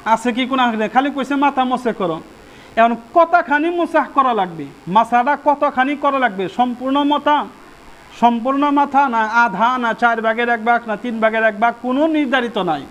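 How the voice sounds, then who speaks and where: Male mufti, pitched very high, preaching in a question-and-answer manner. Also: normal speed, fairly bright tone. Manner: asks the audience questions and answers them himself. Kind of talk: Friday sermon on prayer rules.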